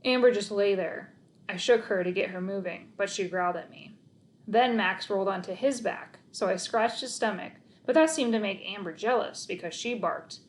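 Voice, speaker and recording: Reading a story for children, a woman narrates expressively, keeping a normal speed and a medium-pitched voice.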